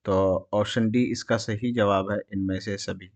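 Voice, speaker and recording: A man's voice: on the low side, steady tone, no room sound. A man with an Indian Urdu accent, teaching an exam prep lesson. He reads each question and its options aloud, then explains the answer.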